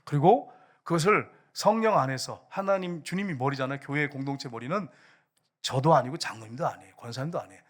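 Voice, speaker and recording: A man's voice: medium pitch, lively intonation, quick pace. A male pastor preaching a sermon, emphatic and often turning to address the congregation directly.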